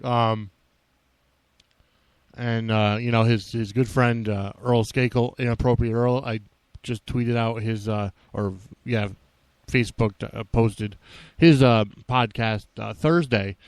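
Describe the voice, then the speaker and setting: A man hosting a podcast alone, talking off the cuff in a halting, rambling way. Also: medium pitch, steady tone, darkish tone, smooth, no echo. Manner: halting and rambling, frequently restarting thoughts. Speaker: wrestling podcast host. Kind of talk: unscripted solo podcast talk.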